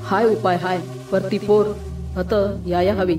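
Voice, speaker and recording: Gruff stern old occultist man as a woman storyteller voices him, curt commands, distant roomy recording, soft music behind. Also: mid-range voice, flat delivery, unhurried, natural voice. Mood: ominous. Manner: barks curt commands in rustic speech. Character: stern older male occult practitioner, gruff.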